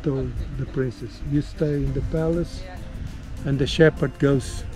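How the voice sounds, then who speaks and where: Older man telling a legend, slow. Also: mid-range voice, steady tone, a little mellow, soft background music, rough recording. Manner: halting storyteller, many fillers. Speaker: local tour guide. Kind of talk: casual storytelling outdoors. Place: outdoor viewpoint.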